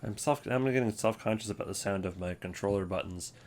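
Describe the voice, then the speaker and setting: A video creator ranking game voice lines talks in a lowish, slightly mellow male voice at a quick pace. His commentary is casual and rambling, offhand and hesitant, and he keeps interrupting himself.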